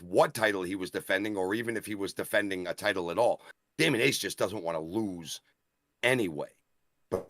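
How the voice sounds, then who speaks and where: A man's voice: lowish voice, fairly bright tone, dry recording, studio quality. Rambling man breaking down wrestling. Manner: long rambling analysis with many restarts. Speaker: wrestling show co-host and referee. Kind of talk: casual wrestling review chat.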